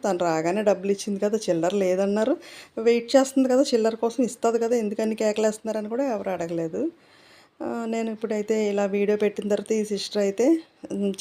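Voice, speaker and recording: Chatty woman vlogger with a mellow voice. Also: medium pitch. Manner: talkative, rambling, many fillers. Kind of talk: casual chat.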